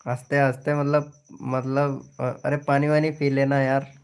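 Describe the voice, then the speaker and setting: Chatty, smooth-voiced young man on a live stream. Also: medium pitch, flat delivery, unhurried. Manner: chatty, teasing, talks straight to viewers. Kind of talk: casual live-stream chat.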